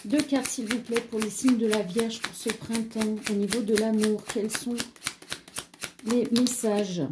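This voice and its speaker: A woman's voice: a little high, fairly even intonation, a little slow, background noise. A French-accented woman giving a casual tarot reading, hesitant with many fillers and chatty asides, a slight frog in her throat. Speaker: tarot card reader.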